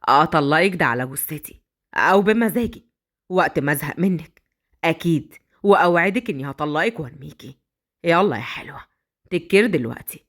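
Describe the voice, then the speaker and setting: Woman doing a low, taunting mafia boss. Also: animated, brisk, long pauses, fairly bright tone. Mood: mocking. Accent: Egyptian Arabic. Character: ruthless male mafia boss, menacing and mocking.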